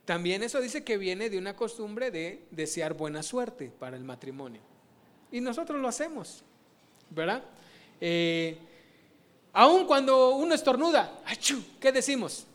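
A man's voice: high voice, sing-song, a little slow, fairly bright tone. A man giving an informal sermon, chatting to his congregation and tossing in rhetorical questions.

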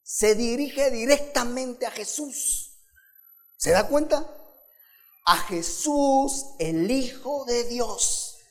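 A man's voice: very high voice, extremely slow, a little mellow. A man preaching a sermon, talking expressively and asking his listeners rhetorical questions.

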